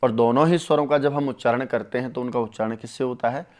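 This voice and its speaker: A man teaching a live Sanskrit exam-prep class, keen and friendly, calling viewers his friends and slowing right down to spell out grammar rules. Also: mid-range voice. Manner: enthusiastic, addresses viewers as friends, slows to spell out sutras.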